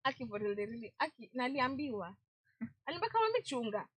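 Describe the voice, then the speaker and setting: A woman's voice: a little high, sing-song, rapid-fire, a bit bright, breathy edge, no echo, rough recording. A young Kenyan woman co-hosting a radio show, chatting casually and mixing in Swahili slang. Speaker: radio co-host. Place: radio studio.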